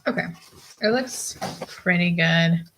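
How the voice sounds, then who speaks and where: A woman's voice: fairly low pitch, slow, fairly bright tone, a little hiss or hum, poor audio. A young woman chatting casually as she works on a sewing project, rambling with lots of fillers and out of breath. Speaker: sewing vlogger. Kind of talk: casual work-along chat.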